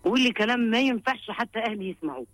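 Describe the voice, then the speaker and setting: A woman's voice: a little high, lively intonation, racing, fairly bright tone, dry recording, faint music behind. An older woman with an Upper Egyptian accent, calling in for advice and recounting her hardship in a pleading, emotional, repetitive way. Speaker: caller seeking advice. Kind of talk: personal account of hardship.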